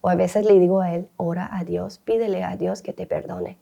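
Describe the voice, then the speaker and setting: Mellow-voiced woman co-hosting a faith chat. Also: fairly low pitch, fairly even intonation, gravelly, highs cut off. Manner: warm-hearted, candid, quick to laugh. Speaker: co-host.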